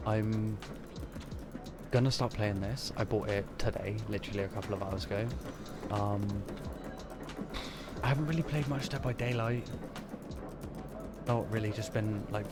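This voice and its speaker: Sweary man streaming a game. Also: fairly low pitch. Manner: rambling, sweary, easily distracted. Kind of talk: casual gameplay commentary. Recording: game music playing underneath.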